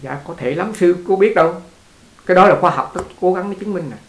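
Gravelly man giving a dharma talk. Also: high voice, fast. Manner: conversational, repeats words, laughs with the audience. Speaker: Buddhist teacher. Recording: echoey room.

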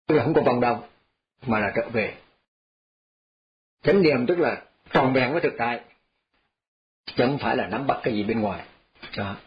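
A man, a Buddhist monk, gives a folksy, repetitive dharma talk and chuckles as he tells parables. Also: medium pitch. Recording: slightly dull lo-fi audio.

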